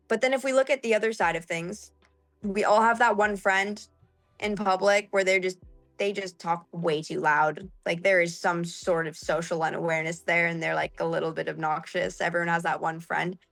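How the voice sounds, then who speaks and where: Expressive woman teaching sales delivery. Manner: expressive, shifting pace and pitch to demonstrate. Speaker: sales trainer.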